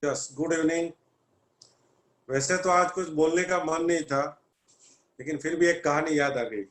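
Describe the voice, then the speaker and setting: A man's voice: a little high, a little slow, fairly bright tone, reverberant. A man on a video call greeting the group and giving practical instructions before telling a story. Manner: informal, gives practical instructions. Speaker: group member. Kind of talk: casual talk to a group.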